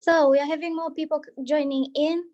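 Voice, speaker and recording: A woman's voice: high voice, fairly even intonation, fairly quick, darkish tone, highs cut off. A woman from Tanzania, hosting an online meeting and welcoming people as they join the video call. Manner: reads out participants' chat greetings.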